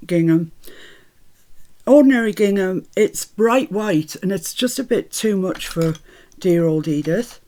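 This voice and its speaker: Warm and mid-range, her voice carries a blend of British accents: born in Scotland, softened by long years in the Midlands. She's a craft channel host who keeps up a cheerful patter while working, frequently breaking into laughter.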